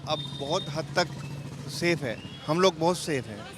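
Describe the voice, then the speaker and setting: A man speaks calmly and plainly in a street interview, saying things are safer now. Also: on the high side, measured pace. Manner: calm, matter-of-fact, defends the government. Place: outdoors on a busy street. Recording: street recording with background noise.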